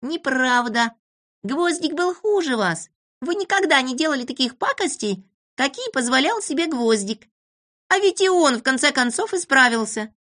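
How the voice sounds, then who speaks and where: Sinyeglazka, a gentle coaxing little girl, put on by the reader. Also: high-pitched, expressive, moderate pace, voice pushed up. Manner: soft, coaxing, persuasive.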